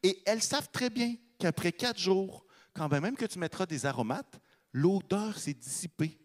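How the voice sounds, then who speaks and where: Lively Québécois preacher with hall echo. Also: male voice, high-pitched, normal speed. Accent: Québécois French. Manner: animated, asks the audience questions. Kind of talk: conversational sermon with Bible reading. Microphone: microphone.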